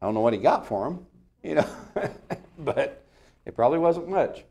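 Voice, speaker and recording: A male Bible teacher with a lively, swooping voice talks through the old stories in an easygoing way. He jokes with the people in the room and keeps laughing as he goes. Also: a little high, normal speed.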